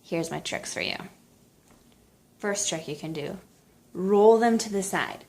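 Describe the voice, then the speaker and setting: A young mom vlogger chats casually and offers parenting tips in an upbeat, instructive way. Her voice sits on the low side, slightly mellow, and she takes her time.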